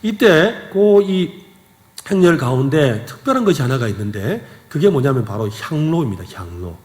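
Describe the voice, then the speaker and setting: A man's voice: on the high side, very animated, moderate pace, darkish tone. A male pastor with a Gyeongsang accent, preaching a sermon and telling stories in an earnest way. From Gyeongsang region, South Korea. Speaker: senior pastor. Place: church sanctuary. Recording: echoey church hall.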